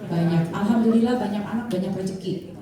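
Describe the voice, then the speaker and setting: A woman's voice: medium pitch, brisk. Woman around fifty speaking in an echoey hall. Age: 50s. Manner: chatty, warm-up questions to the crowd, many fillers. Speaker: insurance agent giving a sharing talk. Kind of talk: motivational speech to an audience. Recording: distant mic, heavy room echo.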